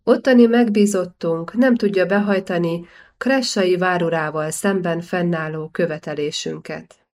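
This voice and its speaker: A woman reading the lines of a shrewd, calculating older male banker in an audiobook, smooth and persuasive. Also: lowish voice, steady tone, a little mellow, lightly acted.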